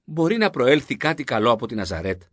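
A man's voice: mid-range voice, very animated, a bit bright, no room sound, studio quality, pitched below the performer's own voice. A man reading the lines of Nathanael, a male disciple, in a direct, questioning scripted Bible reading. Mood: wondering. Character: Nathanael, doubting then awed male disciple.

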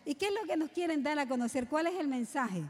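Woman preacher, high voice, rhetorical questions, long hall reverb. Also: expressive, brisk. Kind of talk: sermon to young people.

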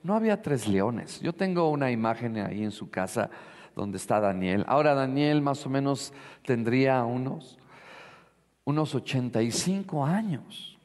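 A man's voice: mid-range voice, animated, moderate pace, a little mellow, in a large hall. A male pastor preaching a sermon. He mixes Bible reading with emphatic asides and questions to his congregation.

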